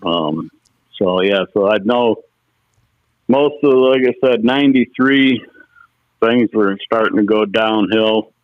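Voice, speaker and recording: Speaking over the phone as an interview guest, this former racer, a middle-aged man, reminisces casually in a folksy, storytelling way. His pitch is fairly low and his pace slow with many pauses. The room sound is absent, but the narrow line makes everything muffled.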